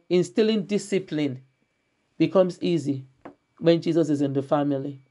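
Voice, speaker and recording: Lady pastor giving a sermon, mellow warm tone, keeps repeating her main line for emphasis. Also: deep voice. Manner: repetitive, emphatic preaching with scripture readings. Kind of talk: church sermon.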